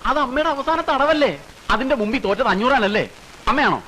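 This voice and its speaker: A fast-talking schemer. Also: male voice, extremely high pitch, lively intonation, bright, forceful tone, heavily acted, low-quality recording. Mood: urgent, arguing. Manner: rapid, persuasive talker. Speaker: film character in a comedy scene. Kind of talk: film dialogue.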